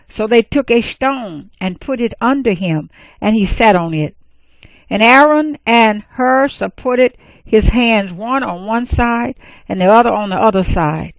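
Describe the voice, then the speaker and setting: A woman reading scripture aloud, measured and even, with careful pauses. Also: on the high side, no room sound. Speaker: scripture reader.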